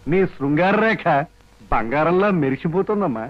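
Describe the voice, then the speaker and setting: A man's voice: fairly high pitch, no room sound, lightly acted. An actor playing a sly fake palm reader who sweet-talks a woman, in an old film. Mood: flattering. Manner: slow, sweet-talking and flattering. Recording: muffled old film soundtrack with music.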